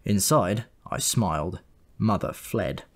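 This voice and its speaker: In a fairly low voice, a man tells a funny story in the first person, wry and dry like a scripted audiobook reading. He is animated yet slow.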